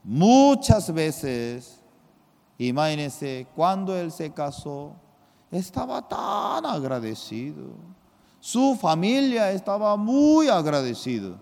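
A man's voice: fairly high pitch, big pitch swings, slow pace, creaky, a little mellow. A man preaching as a pastor, telling stories with sound effects in simple, Spanish. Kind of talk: sermon with storytelling. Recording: long hall reverb.

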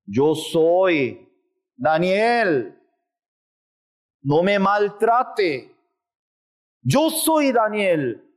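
A man voicing the deceiving inner ego, which speaks slowly and insistently in the first person. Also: high voice, voice pushed up, full character voice. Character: coaxing inner ego voice, self-important, male.

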